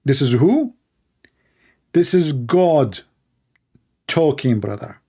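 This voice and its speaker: Sarcastic man, mellow voice. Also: mid-range voice, expressive, slow pace, breathy edge. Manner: mocking, sarcastic. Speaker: video host. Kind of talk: comedic commentary.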